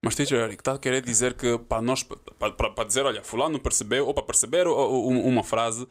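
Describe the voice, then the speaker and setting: A man's voice: mid-range voice, fast talker. A man hosting a podcast, asking probing questions with many fillers. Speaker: podcast host. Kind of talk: podcast interview.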